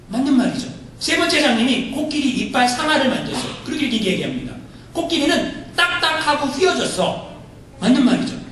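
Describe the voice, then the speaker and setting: A male pastor with a very high voice preaches a sermon with lively, rising and falling pitch. He keeps putting rhetorical questions to his congregation. His words ring around a big church hall, caught from a distance over a faint low rumble. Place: church sanctuary.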